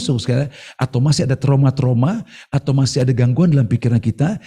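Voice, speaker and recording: A man's voice: medium pitch, warm tone. A male pastor preaching at a church service streamed online, acting out bits of dialogue in a playful way. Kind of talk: sermon.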